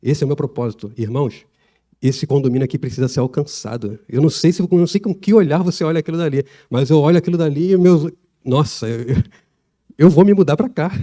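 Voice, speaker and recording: A middle-aged man preaches in church, his voice very dark and mellow. He keeps the sermon chatty, laughing and breaking into asides. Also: a little high, quick pace.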